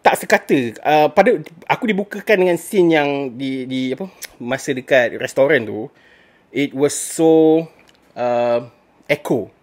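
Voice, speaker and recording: A woman's voice: very deep voice, measured pace. A woman with a Malaysian accent giving a casual spoken movie review, ranting in exasperation and mixing in English phrases.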